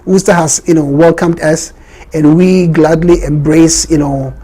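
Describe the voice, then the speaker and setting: Male interview host from Ghana, mellow, slightly higher voice, repeats words. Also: steady tone, normal speed, breathy edge, rough recording. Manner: repeats words and stammers on restarts.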